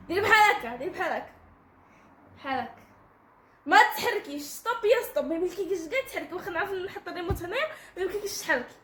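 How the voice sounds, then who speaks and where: A Moroccan Arabic–accented woman gives orders in a very high voice, teasing and giggling through casual vlog banter. A faint hiss sits under the recording. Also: a bit bright, reverberant. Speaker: vlogger.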